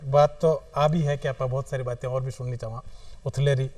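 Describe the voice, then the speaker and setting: A male host of a television studio program, interviewing guests and reading short poems slowly and deliberately. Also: medium pitch, little pitch movement, a little mellow, distant mic. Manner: reads his short poems slowly and deliberately, repeating lines. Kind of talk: hosted interview with poetry readings.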